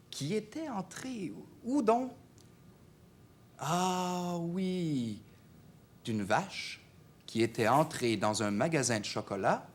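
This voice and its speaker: A woman's voice: lowish voice, slightly rough, full character voice. A woman telling a silly story to children in a playful way, asking the listeners questions.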